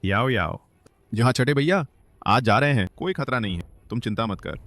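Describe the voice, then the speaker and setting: A young man's mid-pitched voice, soft and soothing, as a doting big brother, played by a male dub actor. He speaks calmly and reassuringly in a dubbed drama series. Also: normal speed, no room sound, lightly acted.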